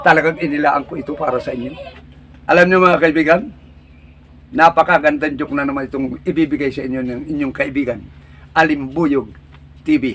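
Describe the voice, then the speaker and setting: A man's voice: a little high, fairly even intonation, a little fast, pauses often, fairly bright tone, slight background noise. A man hosting a comedy vlog, telling a joke politely and addressing his listeners as friends.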